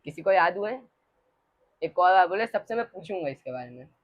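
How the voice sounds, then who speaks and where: A woman's voice: on the low side, expressive, a little fast, no room sound. Hesitant woman giving a religious lesson. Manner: hesitant, with frequent fillers and restarts; leads the group in call-and-response repetition. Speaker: student giving a religious study talk. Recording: dull muffled dry recording.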